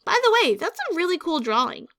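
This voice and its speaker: A woman's voice: very high voice, very animated, fairly quick, fairly bright tone, pitched above the performer's own voice, exaggerated voice. A woman voicing Justin, a friendly young schoolboy, in an upbeat kid voice while reading a picture book aloud. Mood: casual.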